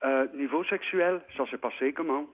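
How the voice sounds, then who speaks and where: A man on a phone line voicing a male minister with a put-on Dutch-speaking Belgian accent, asking halting questions. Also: on the high side, lightly acted. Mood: inquiring. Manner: halting, with hesitant pauses.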